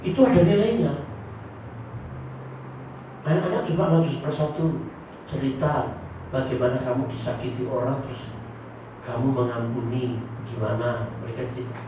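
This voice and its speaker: A male pastor preaching a sermon to his congregation, jumping into loud high bursts and making humorous asides. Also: normal speed, pauses often. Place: church service held in a hotel hall. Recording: echoey hall, distant mic, noisy.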